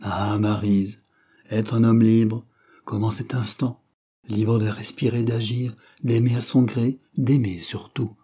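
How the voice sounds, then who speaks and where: A man reading a lovesick young prince's lines aloud in a fervent, declamatory way, raised and louder than his narration. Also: medium pitch, little pitch movement, a little slow, slightly rough.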